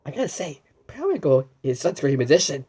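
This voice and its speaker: A woman reads a children's storybook aloud in a low, mellow, slightly rough, sing-song voice. Exclaiming often, she asks the listener questions and pauses as if answered, and frequently stumbles and repeats words in this lively read-aloud with asides to the viewer.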